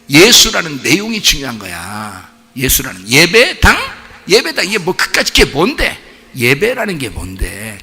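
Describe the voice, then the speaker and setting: A male pastor preaching a sermon in a blunt, joking way, with sudden shouts and chuckles. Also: fairly high pitch, vocal fry, husky, in a large hall. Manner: animated, bursts into shouts, chuckles; blunt casual banter with the congregation. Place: church sanctuary.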